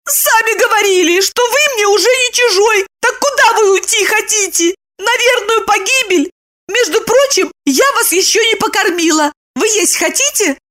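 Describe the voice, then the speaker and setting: A woman reading an audiobook voices an excitable, jealous woman who talks in high, shrill, accusing outbursts. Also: normal speed. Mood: indignant shrill. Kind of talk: audiobook character voicing.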